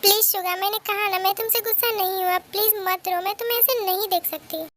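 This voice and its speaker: A woman's voice: very high voice, fairly even intonation, quick pace, fairly bright tone, slight background noise. A woman voicing a hurt but caring young woman, reproachful and consoling.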